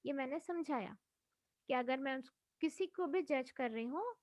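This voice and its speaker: High-voiced woman teaching spiritual lessons. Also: a little slow, no room sound. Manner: expressive, chatty storytelling. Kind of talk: teaching session with personal anecdote.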